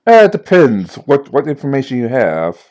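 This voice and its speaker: A man's voice: mid-range voice, wildly swooping pitch, moderate pace, darkish tone. A man voicing a chirpy woman secretary at a detective agency, sing-song and overly polite.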